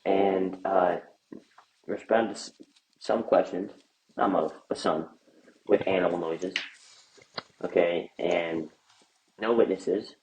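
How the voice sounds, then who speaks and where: A man co-hosting a comedy sketch, giving absurd answers in a flat, deadpan way. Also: low voice, slow pace, pauses often, slight background noise, rough recording. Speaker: comedy show co-host.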